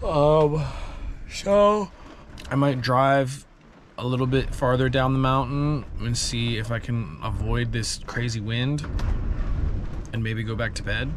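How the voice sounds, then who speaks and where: A man in his thirties talks casually to his camera inside a camper vehicle. His pitch is average and his manner is informal and a little weary. Clear rumbling background noise runs behind the voice. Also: slow pace. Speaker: van life vlogger. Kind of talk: casual vlog chat to camera. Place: inside a converted ambulance camper, cab and living area. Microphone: action camera at arm's length or mounted nearby.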